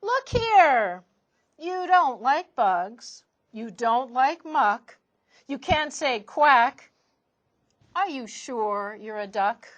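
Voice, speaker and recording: Lady doing a firm bossy mama duck from a kids storybook, bit high, slow and careful. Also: big pitch swings, lo-fi sound, heavily acted. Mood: challenging. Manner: firm, coaxing commands. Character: bossy, motherly female mother duck.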